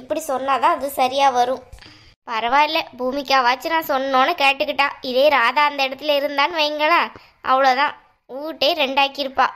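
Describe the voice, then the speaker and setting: A woman's voice: high voice, fairly even intonation, a little fast, fairly bright tone. A woman voicing a stern middle-aged mother-in-law who scolds and lectures her daughter-in-law but secretly cares for her. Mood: musing. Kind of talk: cartoon voice acting.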